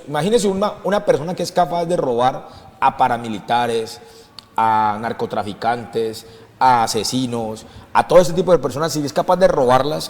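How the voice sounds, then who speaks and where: A man's voice: mid-range voice, a little mellow. Impassioned Colombian man, hall reverb. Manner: impassioned, emphatic, repeats phrases for stress. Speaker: political commentator. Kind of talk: political talk show discussion.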